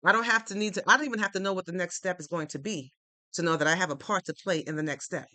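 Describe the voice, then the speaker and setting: Bright high-voiced man encouraging viewers. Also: quick pace, no echo. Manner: earnest, repetitive, encouraging; faith-based preaching tone. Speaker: livestream host. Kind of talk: motivational live-stream talk.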